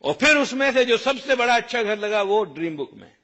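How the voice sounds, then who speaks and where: A man giving a storytelling speech, lively and anecdotal, acting out bits of dialogue. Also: very high voice, a little fast, dull audio. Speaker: motivational speaker.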